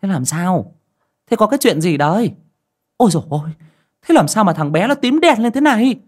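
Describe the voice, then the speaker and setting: Brief: flustered old village woman done by a male narrator, raised pitch, loud exclaiming. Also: very animated, moderate pace, slightly rough, heavily acted. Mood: flustered fussing. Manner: fussy, exclaiming, stammering when scared. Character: flustered older village woman, fussing and fearful.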